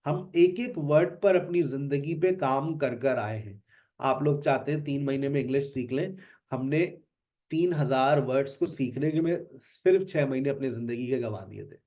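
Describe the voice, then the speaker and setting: A man teaching an online spoken English lesson, repeating words with emphasis to drill them. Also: a little high. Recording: dull lo-fi sound.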